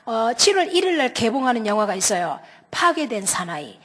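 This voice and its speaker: A middle-aged woman, a pastor's wife, preaching a sermon and acting out stories with shouted lines. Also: on the high side. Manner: dramatic storyteller, shouts out quoted lines; lively, quick-tempered delivery. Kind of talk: animated sermon with acted stories.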